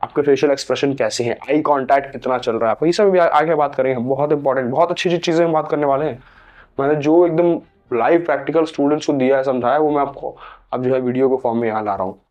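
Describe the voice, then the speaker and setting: A man's voice: mid-range voice, fast talker, darkish tone. A young man with an Indian English accent teaching a pronunciation lesson, patiently explaining and repeating example words, stretching them out.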